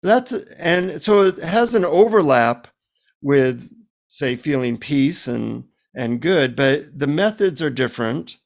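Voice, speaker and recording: A man's voice: on the high side, slow pace, vocal fry. A man, a psychotherapist and author, telling humorous stories in a casual interview. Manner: lively anecdotal storyteller, humorous asides.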